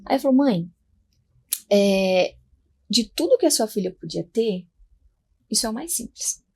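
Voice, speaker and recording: A woman's voice: fairly high pitch, very animated, moderate pace, gravelly, darkish tone, slightly rough. A woman on a podcast telling her story as a mother, emotional and acting out the voices in the conversations she describes. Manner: emotional, re-enacting dialogue.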